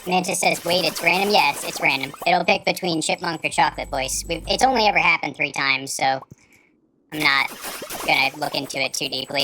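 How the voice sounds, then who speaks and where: A male streamer chatting casually and reading viewer comments aloud, his voice run through a pitched-up chipmunk voice filter. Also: bright, forceful tone, a little hiss or hum, low-quality recording. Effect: chipmunk pitch-shift voice filter. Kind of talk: casual livestream chat.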